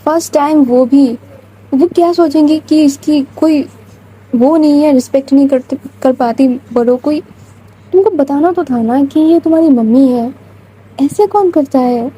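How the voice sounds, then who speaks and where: A woman's voice: high-pitched, mellow, low-quality recording. A woman telling a romance story in a casual, chatty way, with frequent filler words.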